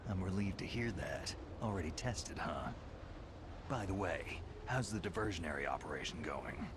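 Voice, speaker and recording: A hardened video game soldier. His voice is very deep, with a dry, wry turn to it. Clear noise runs behind the speech. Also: lively intonation, moderate pace.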